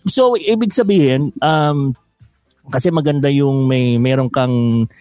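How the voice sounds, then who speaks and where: A man's voice: mid-range voice, unhurried, a little mellow, no room sound, soft background music. A male host in a casual interview, chatty and laughing often as he reads out viewer questions.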